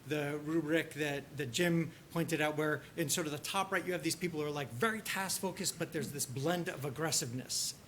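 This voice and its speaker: A man presenting a teaching workshop and talking through a case, halting often and restarting his sentences, with lots of "you know". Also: a little high, fairly bright tone, slight background noise. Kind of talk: conference teaching session with case discussion.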